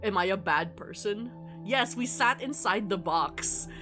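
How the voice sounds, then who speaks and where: Over background music, a woman livestreams a visual novel, reading its text aloud and chatting in a casual, wry, rambling style. Her mid-range voice has lively intonation, and she talks a little slowly.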